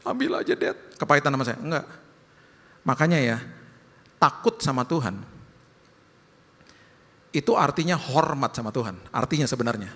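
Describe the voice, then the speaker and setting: A man's voice: medium pitch, normal speed, pauses often, pushed and bright. A male pastor preaching a sermon in a conversational way, often acting out quoted voices. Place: large church hall. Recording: long church hall reverb.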